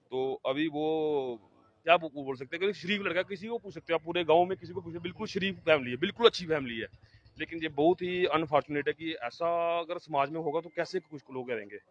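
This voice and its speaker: A man, a relative of the family, giving an emphatic, rapid account in an on-the-spot interview, with frequent restarts. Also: a little high. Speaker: eyewitness relative. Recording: dull, lo-fi field audio.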